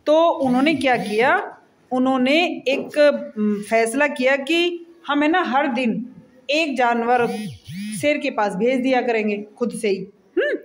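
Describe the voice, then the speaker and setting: A woman telling a fable to a child, gently explaining and asking the child questions along the way. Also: sits high, measured pace. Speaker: storyteller to a child. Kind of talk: storytelling to a child. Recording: roomy echoey room.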